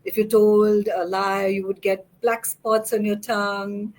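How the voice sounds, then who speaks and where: A woman's voice: medium pitch, level tone, a little slow, darkish tone. A middle-aged woman hosting a casual interview chat, talking in a chatty way with many fillers and restarts. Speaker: host.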